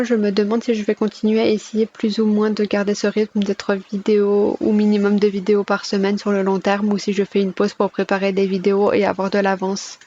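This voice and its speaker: A woman's voice: medium pitch, darkish tone, muffled recording, slight background noise. A woman gives a casual channel update in a chatty, self-correcting way, recorded at home. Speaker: gaming YouTuber. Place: at home, alone.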